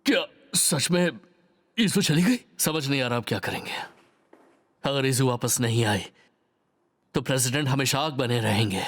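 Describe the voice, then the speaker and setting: A man's voice: medium pitch, lively intonation, normal speed, pauses often, a bit bright. A man voicing a flustered male company employee who keeps asking anxious, startled questions.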